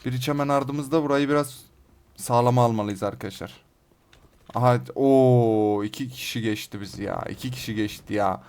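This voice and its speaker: A man hosting a gaming channel, giving excited live commentary on his own play with rough banter aimed at his viewers. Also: mid-range voice, moderate pace.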